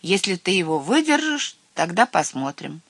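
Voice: mid-range voice, big pitch swings, moderate pace, creaky, dry recording, heavily acted. A reader doing a stern, commanding chief witch. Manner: loud, commanding, scolding.

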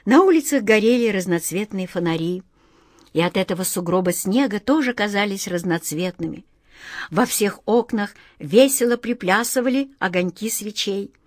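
A woman's voice: mid-range voice, animated, moderate pace, no room sound, clean studio sound. Woman reading a children's storybook aloud. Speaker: narrator. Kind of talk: scripted storybook narration.

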